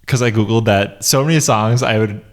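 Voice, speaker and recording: A man's voice: lowish voice, normal speed. A man co-hosting a comedy podcast in a laid-back, jokey way, full of rambling asides. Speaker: podcast co-host. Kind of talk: casual podcast chat.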